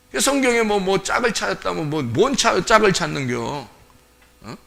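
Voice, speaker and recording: A male pastor gives a sermon in a chatty, joking way and laughs often. His voice is bright and gravelly. His pitch swings widely and sits a bit high. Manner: lively, animated delivery.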